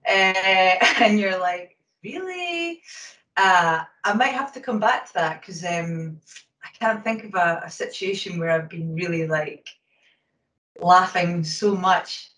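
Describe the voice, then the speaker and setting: A Scottish woman answers interview questions about refereeing at a quick pace, full of ums and you-knows. She sits back from the microphone, so her voice reaches it faintly, and the room gives it a roomy echo. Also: lowish voice, steady tone, a bit bright. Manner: talks quickly, with fillers. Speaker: hockey umpire. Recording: roomy sound from a distance from the mic.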